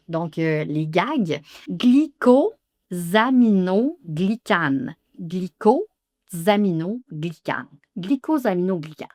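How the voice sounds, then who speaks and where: A woman with a Québécois French accent gives a pronunciation lesson and sounds out each term slowly and carefully before repeating it. Her pitch moves a great deal as she speaks, and the recording is close and dry with no room sound. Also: no echo. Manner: slow, careful, repeats each word syllable by syllable. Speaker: esthetics coach.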